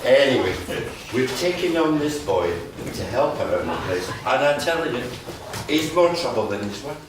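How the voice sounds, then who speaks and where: A man's voice: mid-range voice, big pitch swings, moderate pace, noisy background, lightly acted. A man playing a bossy, camp pantomime dame, a hard-working cook who shrilly addresses the audience on stage. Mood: chatty, exasperated. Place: stage in a large hall. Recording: echoey hall from far off, music behind.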